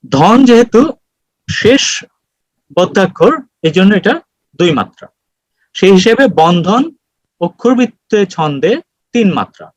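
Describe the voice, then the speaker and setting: A man giving an online lecture on poetry meter, explaining slowly with many pauses and fillers over a video call. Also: high voice, lively intonation, a little mellow, no echo, poor audio.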